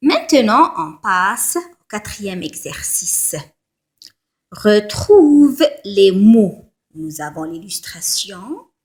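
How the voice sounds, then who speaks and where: Woman, young teacher for small children, very slow, spells it all out, lively rising and falling voice. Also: mid-range voice. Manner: slow, spells out syllables and letters. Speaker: French teacher. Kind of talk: slow primary-school French lesson.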